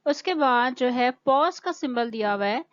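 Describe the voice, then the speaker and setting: A woman teacher with a Pakistani accent giving a recorded lecture on English pronunciation, speaking slowly and carefully and drawing out the example words. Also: high-pitched, lively intonation. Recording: dull, lo-fi sound.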